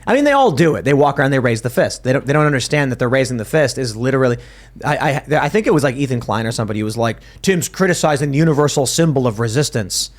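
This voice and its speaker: This podcast host, a man with a medium-pitched voice, speaks quickly on a relaxed panel show. His delivery is animated and emphatic, full of sentence restarts.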